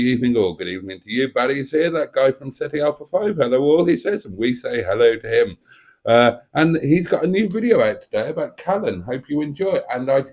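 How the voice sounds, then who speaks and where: A man's voice: mid-range voice, a little mellow. Chatty, theatrical man hosting a livestream. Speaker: livestream host. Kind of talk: casual chat to live viewers.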